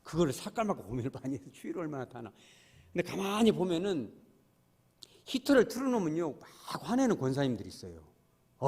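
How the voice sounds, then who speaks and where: A man's voice: a little high, a little mellow. A man preaching a sermon as pastor, telling stories with humor in a casual, colloquial way. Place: church sanctuary. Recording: long reverb of a church hall.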